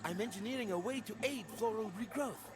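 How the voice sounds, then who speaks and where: An actor playing an eager male imperial botanist in a video game, with an effusive, bright manner. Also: sits high, a little fast, close to an everyday voice. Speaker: game character. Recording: game audio under a stream, noisy.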